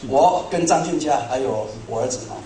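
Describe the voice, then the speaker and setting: A middle-aged man preaching a sermon to a congregation, telling stories in an animated, self-mocking way. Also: a little high, a little fast, slight background noise. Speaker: pastor. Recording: echoey hall, speaker far from mic.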